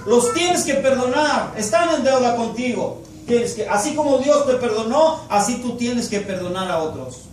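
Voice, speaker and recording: A man's voice: very high voice, animated, moderate pace, hardly any pauses. A man preaching a sermon in Spanish with an emphatic, repetitive cadence. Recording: echoey and distant with faint noise.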